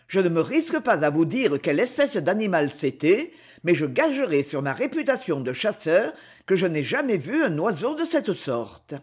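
Man reading a serious old-school hunter lord, husky, lively pitch. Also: heavily acted. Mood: grave. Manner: grave, measured. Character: grave male aristocratic hunter.

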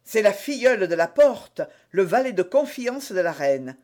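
A man voicing a bold, quick-witted young male musketeer in an audiobook reading, giving brisk orders. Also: sits high, sing-song, a little mellow, voice pushed up. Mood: persuasive.

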